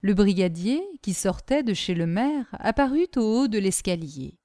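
Woman narrating a kids story, measured, lively pitch, dry close sound. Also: no room sound. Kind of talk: expressive storybook reading.

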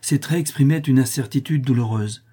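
A man narrating a classic novel in a measured, expressive reading. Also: mid-range voice, breathy edge. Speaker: audiobook narrator.

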